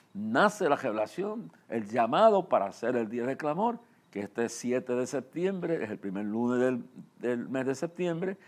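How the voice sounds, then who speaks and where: An older Puerto Rican-accented man, a preacher and ministry leader, delivers an informal religious address and personal testimony directly to listeners. He sounds earnest and halting, repeating phrases, in a medium-pitched, slightly mellow voice.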